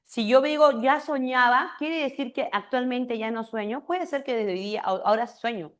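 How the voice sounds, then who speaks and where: A woman teaching a grammar class in a fairly high voice. She plays out short imagined exchanges between students and friends. She slows down on each example word and checks in with quick tag questions. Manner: acts out imagined student dialogues with quoted examples; slows and stresses example words. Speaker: language teacher.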